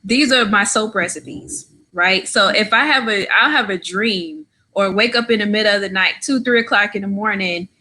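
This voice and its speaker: A woman's voice: medium pitch, moderate pace, hardly any pauses, sharp tone. A woman in her thirties from Florida, a podcast guest telling her story in a chatty, casual way, often tagging lines with "right?" and "like". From Florida, USA. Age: 30s. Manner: chatty, lots of "like" and "right?" tags.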